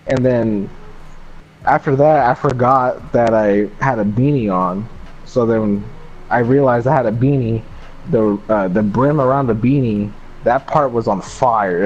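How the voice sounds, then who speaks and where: Heard through a dull lo-fi mic with slight background noise, a young American guy with a medium-pitched, darkish voice tells a friend a meandering anecdote, loaded with slang and curse words.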